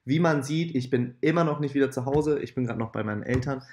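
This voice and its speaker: A man hosts a casual gaming news roundup, and his voice comes through as poor-quality audio from a makeshift microphone. He speaks at a mid pitch in a loose, chatty way. He often stops on filler sounds and adds small apologetic asides. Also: quick pace, darkish tone. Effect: poor-quality audio from a makeshift mic. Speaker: gaming channel host. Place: at his parents' home. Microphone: not his usual microphone.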